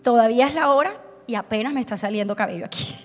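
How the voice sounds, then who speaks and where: A woman's voice: a little high, rapid-fire. A woman pastor, preaching an emotional testimony at a conference and acting out her own past words. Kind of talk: conference sermon with personal testimony. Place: large church hall. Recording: church hall reverb with soft music.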